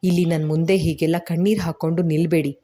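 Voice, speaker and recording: A woman's voice: lowish voice, animated, moderate pace, mellow, husky. A woman doing a cold, sarcastic young mother. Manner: sarcastic, curt.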